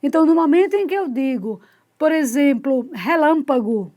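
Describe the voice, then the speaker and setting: High-voiced woman teaching grammar. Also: animated, moderate pace, mellow. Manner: explains step by step, points at a board; frequent tag questions. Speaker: Portuguese teacher. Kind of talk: casual video lesson.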